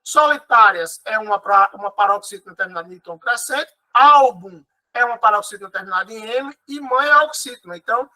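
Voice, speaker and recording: A man's voice: high voice, expressive, brisk, pushed and bright, poor audio. A Brazilian man teaching an online exam-prep lesson. He explains patiently, repeats key words and keeps checking in with his students.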